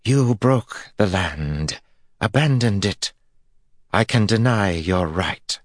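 A man voicing a proud, guarded young empress in an audiobook, soft-spoken and measured. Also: sits low, expressive, husky, no room sound, studio quality, voice pushed up, exaggerated voice. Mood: defiant.

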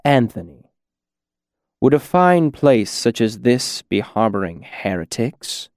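A man doing a soft-spoken, menacing church justice. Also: medium pitch, sing-song, no echo, studio quality. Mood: cold pious. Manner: soft, slow, mock-regretful. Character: cold pious male church justice, menacing.

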